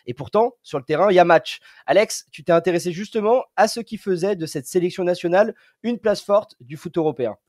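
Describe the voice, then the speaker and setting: A man's voice: high-pitched, brisk, few pauses, darkish tone, no room sound. French podcast host guy, dry close mic, runs the show and hands off to the columnists. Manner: leads the talk, hands over to guests. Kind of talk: podcast hosting.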